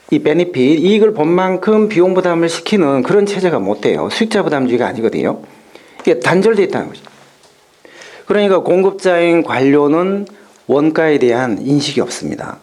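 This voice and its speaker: A man's voice: fairly high pitch, a little mellow. A man giving an exam-prep lecture, explaining step by step through worked examples.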